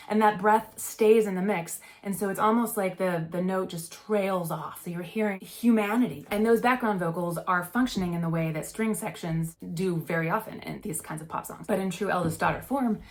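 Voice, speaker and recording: A woman's voice: mid-range voice, moderate pace, few pauses. A middle-aged woman, a session musician, breaking down a song's production in a casual, enthusiastic explainer. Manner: enthusiastic, conversational, demonstrates by singing short notes. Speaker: music theory video host.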